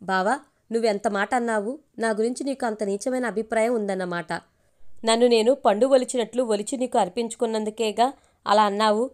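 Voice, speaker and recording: A woman's voice: on the high side, steady tone, a little fast, darkish tone, lightly acted. A woman reading the lines of a hurt, proud young woman who reproaches her lover in an audio story. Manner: wounded, reproachful speech.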